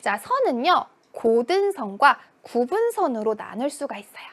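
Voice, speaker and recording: A woman's voice: high-pitched, sing-song, moderate pace. A woman teaching a children's math lesson, asking questions and answering them in a playful voice. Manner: sing-song, questions and answers to herself.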